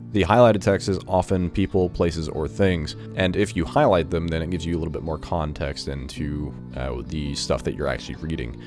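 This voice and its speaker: A man with an extremely low voice hosts a casual video game first-impressions show. He talks informally, loosely thinking aloud. Faint music plays behind him. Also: a little mellow. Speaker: video game review host.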